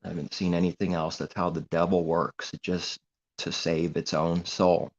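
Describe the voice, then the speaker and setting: A man with a very deep, gravelly voice preaches informally in an earnest, rambling way. The recording is dull and muffled, with a low-fi edge. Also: flat delivery, moderate pace. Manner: earnest, rambling, grows heated. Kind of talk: informal religious monologue.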